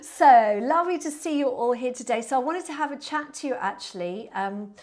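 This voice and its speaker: Female Pilates host, southern English, lightly high-pitched, warm and chatty, informal address to online viewers. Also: animated, brisk. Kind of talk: casual livestream chat to viewers. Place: indoor studio.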